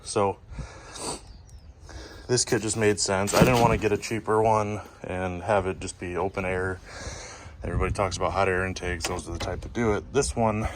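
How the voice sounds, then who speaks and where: A man with a low, easygoing voice talks through a car install as he works on it. He explains each step plainly and casually. Faint outdoor ambience sits behind him. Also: normal speed, noisy background. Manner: relaxed, explains step by step while working. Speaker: car DIY vlogger. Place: outdoors by a car engine bay.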